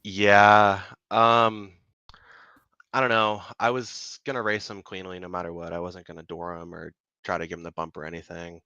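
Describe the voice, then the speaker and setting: A low-voiced man talks through his race in a laid-back, self-deprecating way, letting his sentences trail off. His tone is bright and edgy. The call audio is dry and muffled. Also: level tone, moderate pace, clean tone, dry recording. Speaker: race driver guest. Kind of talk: post-race interview.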